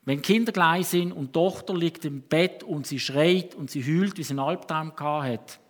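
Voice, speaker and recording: A man with a Swiss German accent and a voice on the high side preaches a sermon at normal speed. His delivery is conversational and story-driven, and he often breaks off and starts over.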